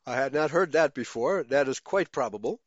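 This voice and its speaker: A man's voice: medium pitch, animated, brisk, no room sound, muffled recording. Man musing aloud over forum comments. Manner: thinking aloud, reading comments and adding asides. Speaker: host reading and commenting on forum answers. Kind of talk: casual read-aloud commentary.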